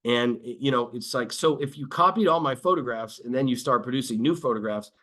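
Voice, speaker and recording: A man's voice: medium pitch, brisk, pushed and bright. A man giving a webinar presentation as a lawyer, explaining in a conversational way with many fillers and restarts and occasional dry sarcasm.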